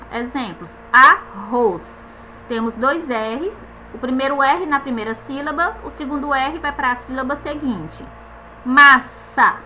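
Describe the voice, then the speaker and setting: A woman teaching a grammar lesson, saying each example word slowly and spelling out letters, often ending with a questioning tag. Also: sits high, bright, forceful tone, a little hiss or hum, poor audio.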